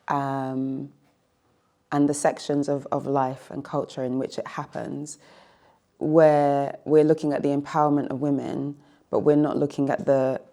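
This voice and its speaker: A woman's voice: extremely low pitch, warm tone. A woman in her forties, a guest on a panel, speaking thoughtfully and rephrasing her points as she searches for words. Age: 40s. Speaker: panel guest, well-being coach. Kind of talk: casual discussion.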